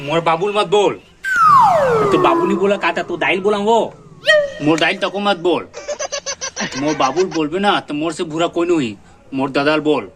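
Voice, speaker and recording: A man with a Chhattisgarhi accent in a comedy sketch, joking and teasing. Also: fairly high pitch. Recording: loud music behind.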